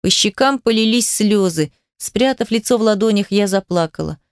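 A woman's voice: medium pitch, expressive, normal speed, smooth, no room sound, clean studio sound. A woman reading a first-person story aloud in an emotive, dramatic audiobook style. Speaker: narrator. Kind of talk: scripted audiobook narration.

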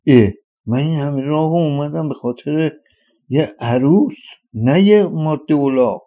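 Storybook figure: a loyal, stubborn young villager, read by a man, warm dark voice. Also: on the high side, voice pushed up, close to an everyday voice. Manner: blunt, stubborn declarations.

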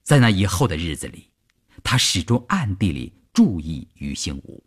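A man reading a long story aloud as narrator, with an expressive, dramatic delivery. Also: deep voice, normal speed, breathy edge.

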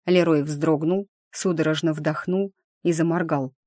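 A woman telling a first-person fantasy story as an audiobook narrator, with lively, engaged storytelling. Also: sits low, measured pace, no echo, studio quality.

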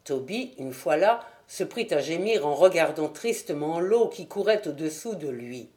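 Brief: female audiobook reader, steady and clear narration. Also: low voice, moderate pace. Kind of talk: scripted narration.

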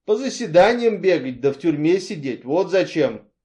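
A man's voice: fairly high pitch, sing-song, moderate pace, dark tone. A man voicing a harried middle-aged man who mutters and coaxes in an audiobook. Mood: exasperated. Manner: muttering, exasperated, coaxing.

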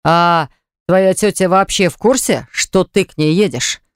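A man reading an audiobook, voicing a stubborn young man who slowly and insistently presses his point. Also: smooth, no room sound. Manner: low, slow, persuasive and pressing. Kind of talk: audiobook character voice. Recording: dry close studio recording.

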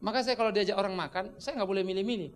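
A man preaching a conversational sermon as pastor, animated and joking, acting out little dialogues. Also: high-pitched, racing, a little hiss or hum. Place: church.

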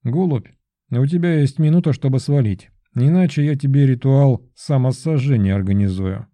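A man's voice: mid-range voice, moderate pace, dark tone, dry recording, natural voice. A man voicing a cold, threatening young mage student who speaks curtly. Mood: menacing. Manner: curt, menacing.

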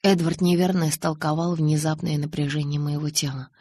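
A woman narrating an audiobook in the first person, steady and measured. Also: low-pitched, breathy edge, no echo, studio quality.

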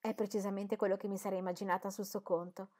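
A woman reading an audiobook, voicing a witty, lively young woman who speaks in a spirited, quick-witted way. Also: mid-range voice, lightly acted.

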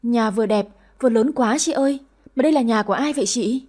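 A woman voices a lively eight-year-old boy who chatters and teases in an audio story. His voice sits a little high, soft and husky. It has a mellow, rounded tone. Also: quick pace, close to an everyday voice. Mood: curious. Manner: chatty, teasing.

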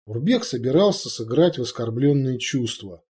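A male audiobook narrator with a husky, mellow voice telling a fantasy story. His pitch moves in lively swings as he reads with wry expression. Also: normal speed.

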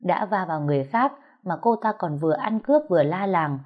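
A woman narrating a story in the first person in a calm, even reading voice. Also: on the low side, fairly quick, breathy edge, lo-fi sound.

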